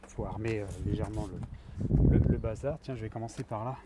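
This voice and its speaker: A man's voice: fairly low pitch, fairly even intonation, fairly quick, heavy background noise. A man narrating a casual do-it-yourself vlog beside a van, chatting and thinking aloud with many fillers while he works. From France. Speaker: van builder.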